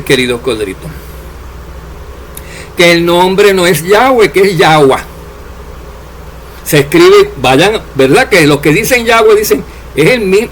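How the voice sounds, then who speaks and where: A man preaching a sermon, addressing his listeners directly and letting his voice drop low and soft at the ends of phrases. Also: slight background noise. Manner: addresses listeners as dear servants, drops voice at endings.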